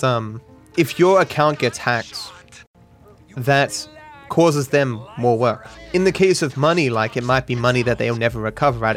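Fast-talking man rambling casually. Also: mid-range voice. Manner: quick, self-deprecating rambling. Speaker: streamer. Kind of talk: casual rambling stream talk.

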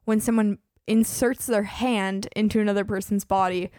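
Medium-pitched and steady, this woman speaks at a moderate pace with a slightly dark tone, captured in a clean, dry studio. She's a podcast host in her twenties, chatty and full of "like," her voice sounding a bit worn because she's losing it.

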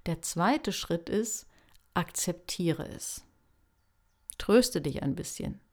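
A woman hosting a self-help podcast, talking calmly and gently to the listener in a reflective, coaching manner. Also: lowish voice, slow. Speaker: podcast host.

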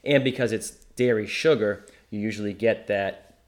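Low-voiced man explaining things. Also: moderate pace. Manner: explanatory, informed. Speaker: podcast guest. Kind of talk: casual chat.

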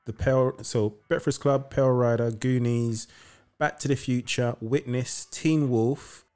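A man hosting a podcast in casual conversation, upbeat and quick to rattle off lists. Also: medium pitch, fairly even intonation, darkish tone, clean tone. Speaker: podcast host.

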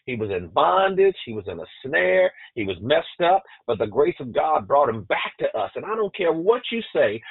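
Man, pastor, sermon, repeats words, husky, tinny phone sound. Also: medium pitch, dry recording. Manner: preaching with stammered repetitions and call-outs to the congregation.

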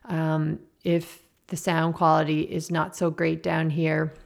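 A woman's voice: low voice, little pitch movement, slow, gravelly. A woman podcast host chatting informally and easily in a casual style, recorded at a desk in a small basement office. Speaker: podcast host and energy healer. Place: small basement office indoors, slightly echoey. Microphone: podcast microphone at a desk.

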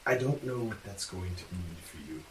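A man playing a gentle pacifist creature from underground, speaking in a formal, measured, earnest way. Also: sits low, natural voice. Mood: grave, calm. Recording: roomy, distant mic with hiss.

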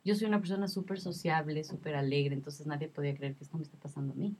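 A woman in her thirties with a low voice tells a personal story in casual conversation. Her voice is husky, and she speaks with emotion and repeats herself often. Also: steady tone, quick pace, a little mellow. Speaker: guest sharing her experience.

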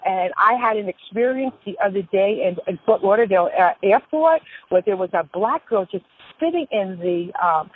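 A woman's voice: medium pitch, lively intonation, moderate pace. A woman in a casual phone chat, telling stories in a rambling, emphatic way. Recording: tinny phone line.

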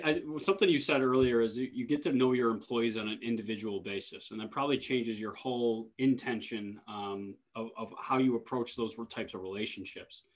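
A man interviewing in a casual, conversational way, feeling his way haltingly into each question. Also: mid-range voice.

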